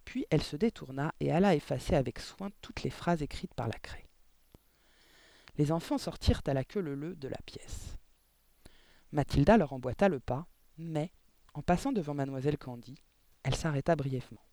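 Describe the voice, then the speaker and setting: A man reading a children's novel aloud in a measured way, adding short explanatory asides. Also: fairly high pitch, expressive, a little mellow, no room sound. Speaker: audiobook narrator.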